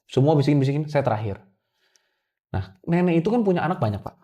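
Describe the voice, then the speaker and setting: A man's voice: on the high side, expressive, fast talker, warm tone. A young man telling a painful personal story to an interviewer, often addressing him respectfully as sir. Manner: emotional storytelling, addresses host as Pak often. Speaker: guest.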